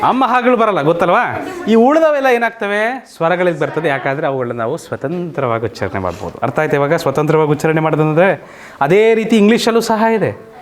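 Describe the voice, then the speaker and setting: A man with a slightly high, animated voice coaches children briskly in an online lesson, quizzing them with many checking questions and mixing in English words. It's recorded on a single mic.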